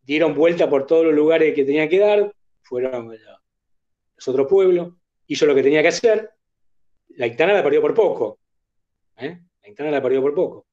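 A man's voice: fairly high pitch, expressive, a little fast, long pauses, darkish tone, lo-fi sound. A man with an Argentine accent, hosting a casual chat and telling an anecdote, repeating phrases for emphasis. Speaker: host.

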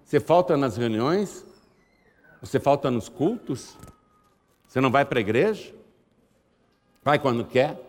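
A man's voice: mid-range voice, expressive, measured pace, pauses often. A man preaching a sermon, firing rhetorical questions at the congregation. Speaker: pastor. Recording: long hall reverb.

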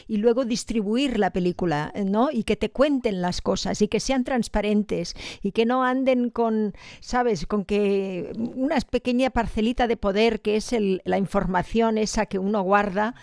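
A woman interviewer who agrees warmly and keeps tagging on questions. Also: mid-range voice, unhurried, gravelly, few pauses, no echo, clean studio sound. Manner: agreeing, asks tag questions. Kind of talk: casual interview chat.

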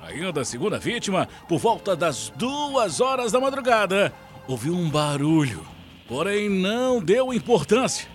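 A man's voice: high-pitched, big pitch swings, measured pace, faint music behind. A Brazilian man reading a scripted radio police-news bulletin as the reporter.

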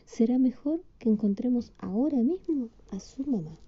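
A woman's voice: a little high, animated, moderate pace, husky, voice pushed up. A woman voicing a kind, cheerful female witch in a storybook read aloud. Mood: gently worried. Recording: slightly dull lo-fi.

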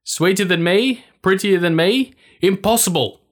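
A man's voice: on the high side, moderate pace, fairly bright tone, pitched above the performer's own voice, lightly acted. A man voicing a vain, boastful old witch in a game storybook reading, raised and gloating.

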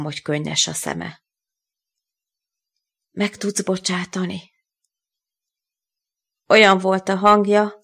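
A woman author reading her own literary prose aloud in a slow, measured, grave manner. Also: sits low.

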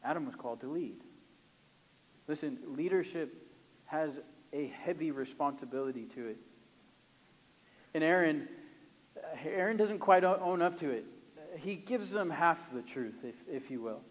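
A man preaches with dramatic emphasis, lingering on scripture and breaking into light chuckles. His voice sits a bit high for a man. The sound carries a long reverb, as if in a large hall. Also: animated, measured pace, pauses often. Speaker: pastor. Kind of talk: sermon with scripture reading.

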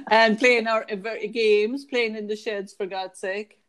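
A woman from County Kerry, Ireland, with a west of Ireland accent, chats and reminisces casually in an interview, often breaking into laughter. Her voice is fairly high and fairly bright, and she speaks slowly.

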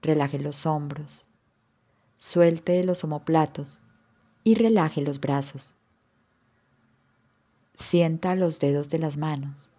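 Woman leading a yoga nidra relaxation, low mellow voice, slightly dull sound. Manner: slow, soft, calm guiding instructions. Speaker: yoga instructor.

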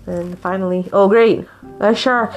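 A woman's voice: medium pitch, fairly even intonation, unhurried, soft background music, lightly acted. A woman voicing a grumpy young penguin who complains with whiny sighs. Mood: grumbling. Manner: whiny, sighing grumbles.

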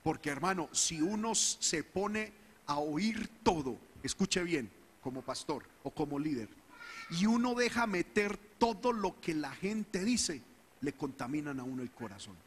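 A male pastor preaching a sermon, his voice sitting a little high for a man. He builds in fervor and mimics complaining voices, and a long church reverb with faint room ambience trails his words. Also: expressive, a little slow, slight background noise. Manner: preaching with rising fervor, acting out the people's whining.

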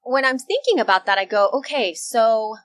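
A woman's voice: on the high side, moderate pace, low-quality recording. Rambling woman from El Salvador. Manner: rambling, animated, many fillers and restarts. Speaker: podcaster guest. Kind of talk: casual podcast chat.

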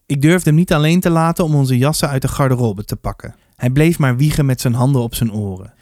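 Man reading a kids book out loud, lively, dry close mic. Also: medium pitch, a little fast, no room sound. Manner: lively first-person storytelling. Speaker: storybook reader. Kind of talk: reading a children's book aloud.

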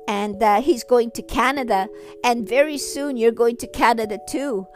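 Woman playing a gentle, tender old grandmother. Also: a little high, a little slow, soft background music, lightly acted. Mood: soothing. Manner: gentle, coaxing reassurance.

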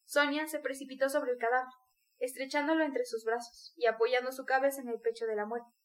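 A woman narrating a classic novel aloud in a measured, even storytelling voice. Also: high-pitched. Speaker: audiobook narrator. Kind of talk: scripted literary narration.

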